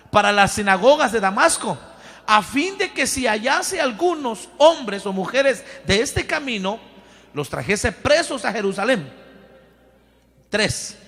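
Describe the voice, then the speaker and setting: Man preaching, Mexican Spanish accent, very high voice, lively swings, long hall reverb. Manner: fervent, shouting, calls congregation to repeat. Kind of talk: sermon.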